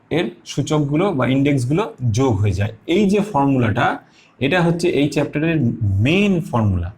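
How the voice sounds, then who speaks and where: A man with a Bengali accent and a fairly high, darkish voice teaches maths, patiently explaining each step slowly and repeating himself. He asks questions and then answers them himself.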